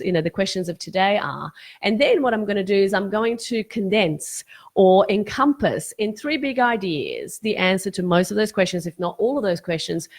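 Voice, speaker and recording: A fertility specialist hosts a live-streamed Q&A while losing her voice, explaining things earnestly with many fillers and restarts. Her voice is medium-pitched.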